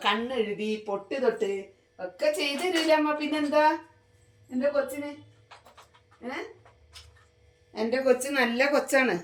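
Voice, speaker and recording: A woman vlogger talking to her pet in coaxing, doting, sing-song baby talk. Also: high voice.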